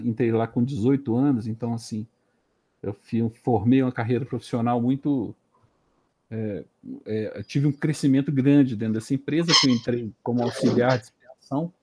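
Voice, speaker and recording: Mellow Brazilian man in his late forties. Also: mid-range voice. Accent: Brazilian Portuguese. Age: late 40s. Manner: hesitant, repeats words while thinking. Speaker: interview guest, IT director. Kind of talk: casual career storytelling.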